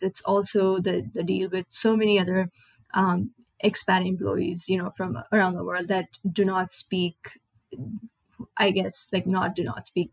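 A young Nepali woman hosts a casual solo podcast in English with a Nepali accent, chatting, rambling, and correcting herself as she goes. Her voice is mid-range, and the recording is dry with poor audio.

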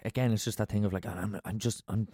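A man's voice: fairly low pitch, fairly even intonation, fast, mellow, breathy edge, dry recording, studio quality. A man, co-hosting a casual political chat, blunt, exasperated and swearing. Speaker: podcast co-host.

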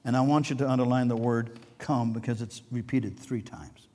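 A man preaching a sermon as pastor, swinging between soft and loud and repeating key words. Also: mid-range voice, moderate pace, long reverb tail.

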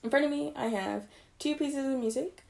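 Young woman, trumpet teacher, casual how-to video, chatty, self-correcting, a little gravelly. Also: sits high, normal speed, a little mellow. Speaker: trumpet player teaching band basics.

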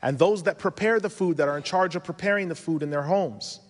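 A man's voice: on the high side, a little fast. A man in his thirties with a foreign accent, giving an earnest religious lecture at a conference, full of advice and rhetorical questions. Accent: foreign accent he mentions himself. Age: 30s. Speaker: conference speaker. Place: conference hall. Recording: reverberant conference hall.

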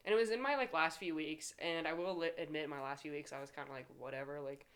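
A woman's voice: sits low, fast, clean tone. A woman chatting casually, telling workplace stories and acting out what others said. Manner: animated storyteller, acts out quotes. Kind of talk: casual chat.

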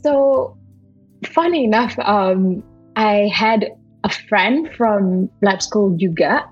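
This young Indonesian woman in her twenties, a university student, is a podcast guest in a casual interview chat, full of fillers and restarts. Her Indonesian accent carries a touch of Malaysian, and her medium-pitched, slightly rough voice has lively intonation as she takes things slowly. The audio is dull, with soft music in the background.

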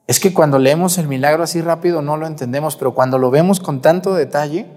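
A man preaching a sermon, retelling a Gospel story in a lively way and putting questions to his listeners. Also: fairly high pitch, fast talker. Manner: storytelling, animated, asks the audience questions. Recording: long hall reverb.

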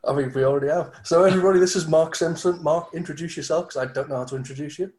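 A man's voice: fairly high pitch, very fast, a little mellow. A man hosting a podcast, chatting informally and joking with his guest. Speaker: podcast host. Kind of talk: casual chat.

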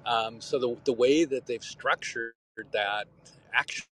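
A man on a casual tech news panel, speaking haltingly with fillers until his remote audio drops out mid-sentence. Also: mid-range voice, fairly bright tone, a little hiss or hum, rough recording. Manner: halting, with many fillers and restarts. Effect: remote audio cutting out suddenly mid-sentence. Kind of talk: casual discussion.

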